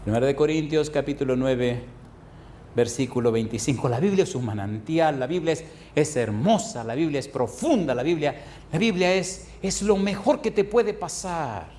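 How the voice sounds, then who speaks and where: A man preaching as a pastor, repeating phrases and asking the congregation rhetorical questions, swinging from soft slow passages to loud high emphasis. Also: animated, slight background noise. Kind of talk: sermon.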